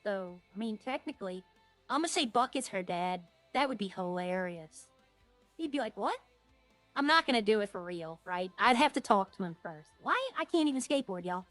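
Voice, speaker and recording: A woman's voice: mid-range voice, animated, fairly quick, fairly bright tone, no room sound, soft background music. A woman game streamer talking casually and informally to her viewers, rambling from one thing to the next.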